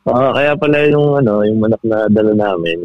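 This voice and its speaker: A man's voice: on the low side, expressive, moderate pace, dry recording. A man on a podcast telling a long personal story in casual chat, laughing often and restarting his sentences. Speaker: podcast co-host. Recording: dull, dry sound with faint music.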